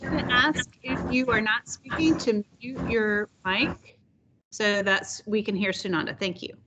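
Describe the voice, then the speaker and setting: A woman's voice: medium pitch, fairly even intonation, unhurried, very noisy. A middle-aged woman hosting and moderating a video call, conversational and encouraging. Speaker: host, moderator.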